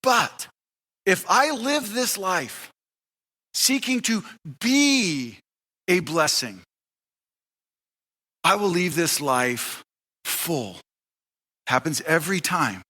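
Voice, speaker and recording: A male pastor preaching a sermon in an animated way, acting out the dialogue in quick voices. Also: high voice. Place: church sanctuary. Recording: long reverb of a church hall.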